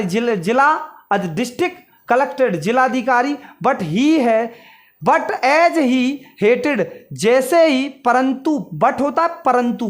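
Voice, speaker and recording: A man's voice: extremely high pitch, fairly bright tone. A man teaching English through Hindi. He explains a story word by word, asking and answering his own questions and repeating the key words. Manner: drills vocabulary with repeated question-and-answer, asks pupils to take screenshots.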